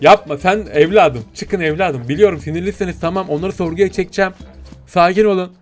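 A man hosting a game parody video in character as a commander, bossy and excitable, barking orders and chatting in slang. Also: high voice, fairly quick, soft background music. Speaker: gaming video host.

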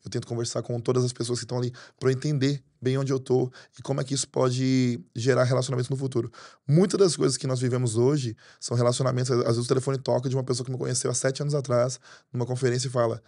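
A Brazilian pastor in his thirties talks fast in a podcast studio, spilling stories with animated gestures. His voice is mellow and dark, and stays even and level in pitch. The sound is dry and close to the desk microphone. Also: no echo. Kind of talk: podcast interview. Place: studio with green curtains. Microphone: desk mic on arm.

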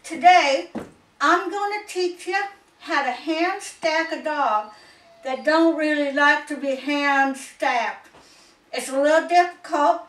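Lady playing a folksy high-voiced dog show expert, slow and bossy, roomy far-off sound. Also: fairly bright tone. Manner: folksy, ungrammatical, self-assured. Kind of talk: comedic character tutorial. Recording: roomy sound from a distant mic.

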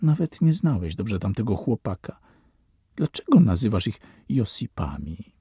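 A man voicing a tender young woman in whispered role-play, soft, hushed and gentle in an audiobook. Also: on the low side, very animated, normal speed, breathy edge, dry recording, studio quality, heavily acted.

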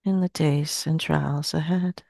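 An older woman in her sixties speaks as a seance medium in trance. Her delivery is solemn and very even in pitch, with long pauses between short phrases. The sound is dry and close on a headset. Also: vocal fry, no echo. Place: small dim indoor room.

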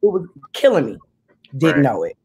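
A woman in her thirties on a video call from home, talking in an animated, emphatic way about money and business. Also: sits low, moderate pace, husky. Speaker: guest, business owner. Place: home room indoors. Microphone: video call webcam.

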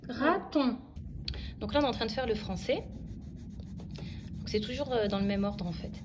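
A home-schooling mother in her thirties films a vlog at home, chatting and explaining as she teaches her children. Her voice sits on the high side at a normal speed, with background noise present.

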